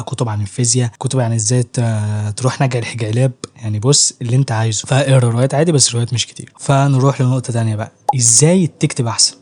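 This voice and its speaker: A man's voice: mid-range voice, darkish tone. A young man with an Egyptian Arabic accent, chatting casually to camera about writing, joking in street slang and laughing often. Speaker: YouTuber giving writing advice.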